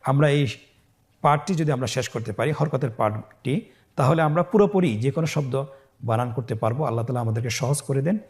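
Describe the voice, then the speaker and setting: A man teaching Arabic letter spelling with vowel marks, drawing out each syllable slowly and then explaining calmly to viewers. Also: mid-range voice. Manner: slow, drawn-out syllables when spelling words aloud; calm explaining tone, addressing viewers directly. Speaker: Quran reading teacher. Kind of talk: step-by-step spelling drill lesson.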